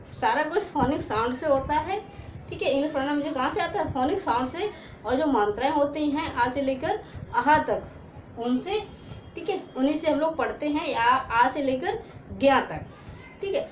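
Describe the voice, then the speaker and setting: A woman's voice: high-pitched, animated, unhurried, echoey room, a little hiss or hum, poor audio. A woman teaching English phonics in Hindi, who asks her own questions, answers them, and sounds out letters one by one. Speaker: English teacher, channel host. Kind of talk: Hindi phonics lesson at a whiteboard.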